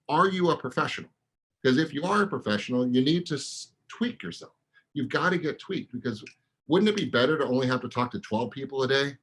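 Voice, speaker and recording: Male podcast coach, husky mid-pitched voice, punchy and blunt, rapid-fire questions. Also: poor audio. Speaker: podcast co-host, real estate coach.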